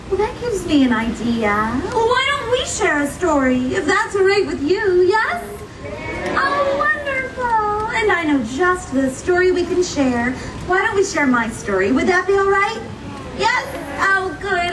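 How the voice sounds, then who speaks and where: Bright and inviting, a woman playing a gracious young princess tells a live story to children at a theme park, her very high, animated voice theatrical and full of encouraging questions. The recording is distant and echoey, with the audience's crowd noise around her.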